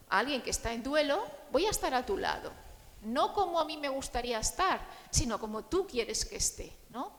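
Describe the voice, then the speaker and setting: Woman counselor speaking in an echoey hall. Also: fairly high pitch. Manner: warm, conversational, often asks the audience "¿no?" and "¿vale?"; acts out the quoted voices of friends and grieving people. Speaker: grief counselor speaking at a panel. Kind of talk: talk to a live audience.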